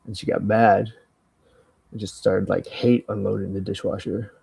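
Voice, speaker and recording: A man's voice: on the low side, flat delivery, normal speed, gravelly, warm tone, breathy edge, no echo. An older man co-hosting a casual podcast, rambling through stories and ideas, swearing freely and acting out both sides of a conversation. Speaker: podcast co-host. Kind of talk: casual chat.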